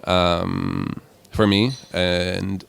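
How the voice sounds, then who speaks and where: A young man in his twenties from Croatia, answering interview questions in a relaxed, rambling way. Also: low-pitched, very slow, vocal fry, smooth. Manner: relaxed, rambling with many "like" and "kind of" fillers. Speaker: musician guest.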